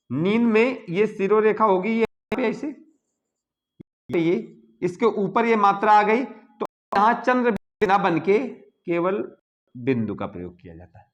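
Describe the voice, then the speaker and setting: Slow, lively-voiced male grammar teacher. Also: sits high, highs cut off. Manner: slow, repeats "ठीक है" between points. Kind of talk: explaining at a board.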